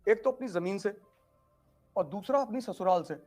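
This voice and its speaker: A man giving a humorous motivational talk, telling stories with animated swings between loud and hushed delivery. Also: high voice, moderate pace, faint music behind. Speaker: motivational speaker.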